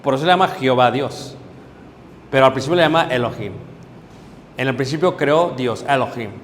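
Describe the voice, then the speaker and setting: A middle-aged man, a preacher, teaching a Bible class, explaining step by step, checking in with his listeners and pausing on hesitant fillers. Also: medium pitch. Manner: hesitant fillers while searching for words. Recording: reverberant hall with faint background noise.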